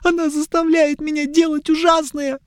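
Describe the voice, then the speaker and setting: A man voicing a highborn young male elf prisoner who pleads plaintively, close to tears. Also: flat delivery, moderate pace, no echo. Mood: tearful. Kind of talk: audiobook character voice.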